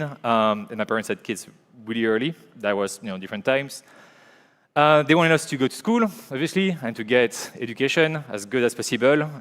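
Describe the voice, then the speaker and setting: A man in his forties speaks with a French-speaking Belgian accent at a conference, hesitant and chatty. His voice is smooth and resonant. A long reverb from the large hall trails behind him. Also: medium pitch, fairly bright tone. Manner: hesitant, conversational, many fillers and restarts. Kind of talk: conference talk.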